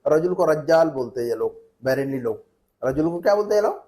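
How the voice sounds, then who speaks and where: A man's voice: fairly high pitch, animated, fast, dark tone. A male Arabic teacher running a spoken drill, patiently repeating phrases and prompting students by name. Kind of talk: classroom language drill.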